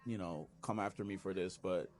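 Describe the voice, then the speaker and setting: Deep-voiced and a little fast, with a darkish tone, a man chats casually as a guest. He keeps things easygoing while pressing his opinions emphatically, sprinkling in plenty of "you know."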